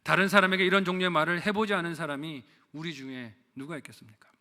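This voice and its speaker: A man's voice: fairly high pitch, fairly even intonation, fast, pushed and bright. A middle-aged man, a pastor, preaching a sermon, telling a personal story with quoted asides and rhetorical questions. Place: church sanctuary. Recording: long church reverb.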